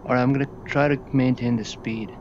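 A man's voice: mid-range voice, a little fast. A man giving live commentary while flying a jet in a VR flight game, tense and swearing under pressure. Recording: muffled lo-fi with steady noise.

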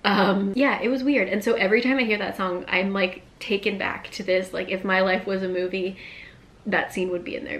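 A young woman talks straight to her camera from a small apartment, rambling happily through a story with plenty of "like" and "um". She sounds close and natural, her pitch sitting in an ordinary middle range. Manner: chatty, many "like" fillers, animated hand gestures. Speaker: vlogger. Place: small apartment room, indoors.

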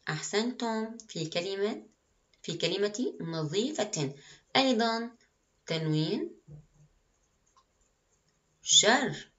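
A woman gives a primary school lesson, speaking slowly and clearly to young children. She praises them often as she moves through the exercises. The recording sounds dull and lo-fi. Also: medium pitch. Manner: slow, clear, encouraging teacher talk with frequent praise. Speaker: primary school Arabic teacher.

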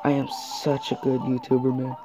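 A woman's voice: extremely low pitch, completely flat delivery, normal speed. A woman gaming YouTuber giving let's-play commentary, easily exasperated and groaning at the game. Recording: dull lo-fi recording with game music. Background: video game music.

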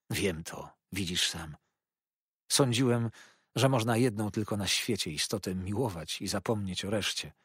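A man's voice: low voice, a bit bright, slightly rough, no echo, studio quality, full character voice. A man voicing a broken, despairing old father. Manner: lamenting, pleading. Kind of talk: audiobook character voice.

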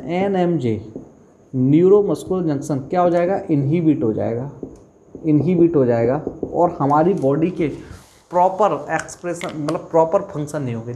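Higher-voiced male biology teacher. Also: darkish tone, a little hiss or hum. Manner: asks questions and answers them himself, repeats key terms. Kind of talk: exam-prep lecture.

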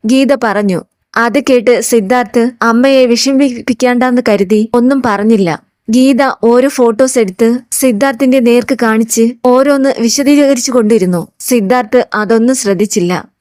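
A woman narrating a scripted audio serial in a steady storytelling voice. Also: fairly high pitch, normal speed, dry recording, studio quality.

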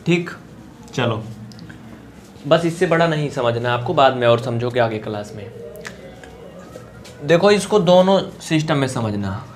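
A man's voice: mid-range voice, expressive, measured pace, long pauses, a little hiss or hum. A man teaching a basic math lesson at a board, often asking the class a question and then answering it himself. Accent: Hindi-speaking Uttar Pradesh.

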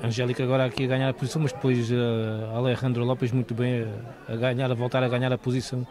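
A man's voice: mid-range voice, completely flat delivery, very fast, crowd noise. A man with a European Portuguese accent giving football match commentary and analysis, often rephrasing his points. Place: outdoors at a football ground.

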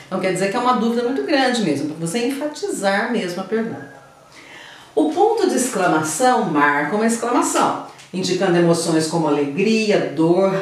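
A woman teacher with a Brazilian Portuguese accent, giving a remote class and explaining things step by step with frequent tag questions. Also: mid-range voice. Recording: echoey room, voice from far off the mic.

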